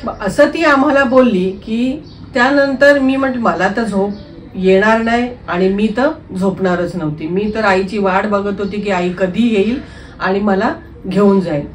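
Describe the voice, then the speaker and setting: A woman telling her own true ghost story in an unscripted, conversational way, often clearing her throat and using fillers. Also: mid-range voice, unhurried, recorded from a distance, a little hiss or hum. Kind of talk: first-person true story narration.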